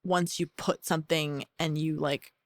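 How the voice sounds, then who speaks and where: A twenty-two-year-old woman from the Bahamas, a singer-songwriter talking thoughtfully in an interview, with many fillers and pauses. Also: deep voice, steady tone, no echo, studio quality. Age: 20s. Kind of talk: casual interview chat. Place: recording studio.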